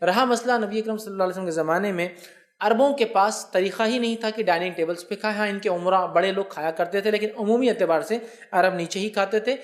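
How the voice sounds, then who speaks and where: A man, an Islamic scholar answering viewer questions in a religious lecture, explaining patiently and often checking that listeners follow. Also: sits high.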